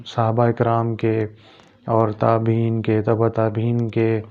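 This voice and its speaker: A man hosting his own channel, giving a measured religious talk with many pauses and hesitations. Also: lowish voice, completely flat delivery, clear, resonant tone, phone-quality sound. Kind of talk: explanatory religious talk to camera.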